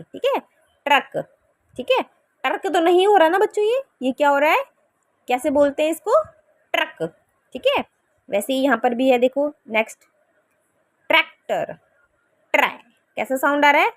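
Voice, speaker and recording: A woman teaching a grammar lesson to young pupils, her fairly high voice swinging widely up and down. She sounds words out slowly, syllable by syllable, and keeps asking the children whether they follow. The recording is close and dry, with no room sound. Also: dry recording. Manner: coaxing, checks understanding with repeated questions.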